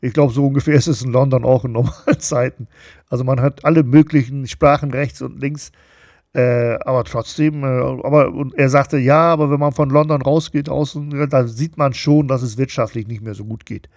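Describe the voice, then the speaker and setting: A man's voice: mid-range voice, fairly even intonation, normal speed, a little mellow, no echo, clean studio sound. A middle-aged man co-hosting a casual chat podcast, talking loosely with lots of fillers and tag questions. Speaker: podcast co-host.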